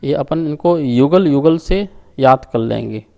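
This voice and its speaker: Male religious teacher, mellow tone, very slow measured delivery, chants verses for a class to repeat. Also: medium pitch, animated, vocal fry. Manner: slow, deliberate chanting of sutra syllables; patient explaining, leads call-and-response recitation. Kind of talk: classroom lesson with recitation.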